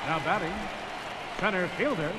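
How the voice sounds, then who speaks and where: An actor playing a formal stadium announcer heard over a PA loudspeaker, drawing out each name slowly with rising emphasis. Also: male voice, high voice. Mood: announcing. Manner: slow, drawn-out names with rising emphasis. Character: formal male ballpark announcer, booming and measured. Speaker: stadium public address announcer. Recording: PA echo over loud ballpark crowd noise. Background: loud crowd and ballpark ambience.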